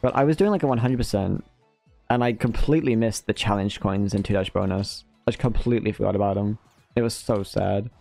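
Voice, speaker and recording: Low gravelly-voiced young man chatting. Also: brisk, no room sound, faint music behind. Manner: laughs often, relaxed banter. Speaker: rival speedrunner. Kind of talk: casual chat while gaming.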